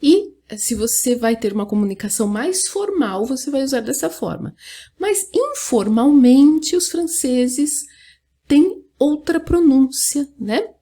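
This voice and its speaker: A woman's voice: high-pitched, animated, mellow, husky. A woman giving an online lesson on French pronunciation, patiently explaining and often checking in with the listener. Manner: patient, explaining slowly with frequent "né?". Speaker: French teacher.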